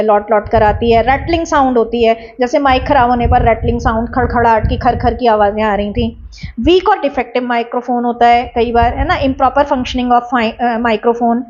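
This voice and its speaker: High-pitched woman teacher from Bijnor. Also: a little mellow, dull audio. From Bijnor, India. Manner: explanatory, addresses students as beta, tag questions. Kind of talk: exam-prep lecture in Hindi-English mix.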